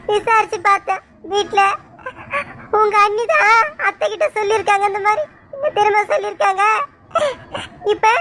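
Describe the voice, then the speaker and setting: A woman voicing a young village wife who pleads with her husband in a tearful, complaining voice. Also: very high voice. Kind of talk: cartoon voice acting.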